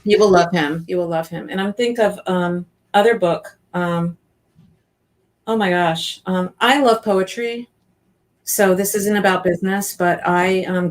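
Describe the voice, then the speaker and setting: Enthusiastic woman coach in her fifties, lower voice, talks freely with restarts. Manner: chatty and enthusiastic, with frequent restarts. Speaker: guest business coach. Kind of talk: casual interview chat.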